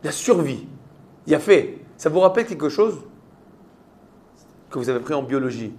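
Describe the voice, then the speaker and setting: A man's voice: fairly high pitch, animated, moderate pace, a little mellow. A man with a French accent, a rabbi giving a Torah class and quizzing his students with rhetorical questions.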